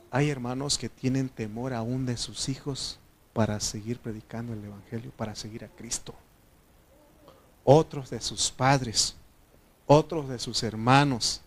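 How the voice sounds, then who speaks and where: A man preaching a sermon in a conversational way, often asking the congregation questions. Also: mid-range voice. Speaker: pastor.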